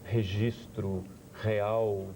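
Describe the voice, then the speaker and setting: A man, a theater director on a TV talk show, explaining his work in a thoughtful, measured way. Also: fairly low pitch, flat delivery, background noise. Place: TV studio.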